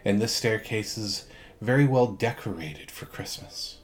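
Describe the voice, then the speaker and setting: A man guiding a hypnosis relaxation induction in a soothing, measured way, leaving long pauses between phrases. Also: on the low side. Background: background music.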